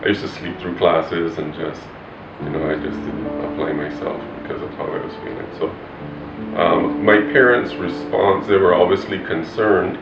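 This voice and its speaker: Deep-voiced man from Barbados. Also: steady tone, moderate pace, creaky. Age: 40s. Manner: hesitant, reflective, many fillers. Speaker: pastor. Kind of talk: personal testimony interview. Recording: roomy, distant, muffled with loud guitar music. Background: loud guitar music.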